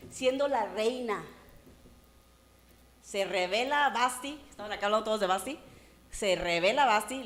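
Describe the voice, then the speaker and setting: A woman pastor preaches in church, her voice a little higher than most. She delivers her sermon in an animated way and slips into the voices of the people she quotes.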